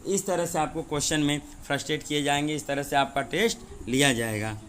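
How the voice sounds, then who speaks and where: A male teacher with a slightly high voice leads an exam-prep lesson. He explains paired words slowly, repeats them and keeps asking rhetorical questions to his viewers. A faint hum sits under the voice. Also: a bit bright. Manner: says 'dekhiye' and 'thik hai' often.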